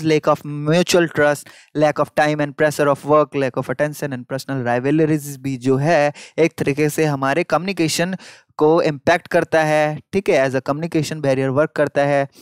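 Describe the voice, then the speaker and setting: Male tutor, a bit high voiced, slow read-outs then chatty explaining, dry close mic. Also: clear, resonant tone, no room sound. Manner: reads English passages slowly, explains in chatty Hindi with fillers. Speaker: lecturer. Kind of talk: exam-paper lecture in Hindi-English mix.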